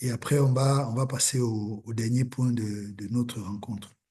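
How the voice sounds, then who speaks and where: A man's voice: medium pitch, steady tone, normal speed, warm tone. A man leading an online learner group, urging them on, with many fillers and repeated words. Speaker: meeting facilitator. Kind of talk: encouraging talk to a learner group.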